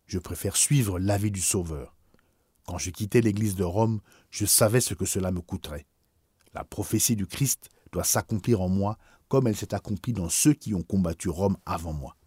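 Male narrator, low husky voice, animated pitch, dry close sound. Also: dry recording. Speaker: audiobook reader. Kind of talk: scripted narration of a memoir.

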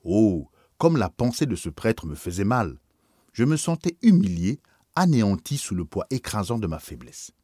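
A man's voice: fairly low pitch, very animated, normal speed, warm tone, breathy edge, no room sound, studio quality. A man reading a first-person memoir aloud in an earnest, solemn way. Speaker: audiobook reader.

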